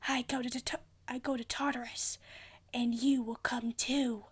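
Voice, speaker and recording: A woman voicing a menacing female monster from a storybook, in a breathy, theatrical whisper with drawn-out words. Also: fairly high pitch, flat delivery. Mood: ominous menace. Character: sinister female monster voice in a dark pit, menacing.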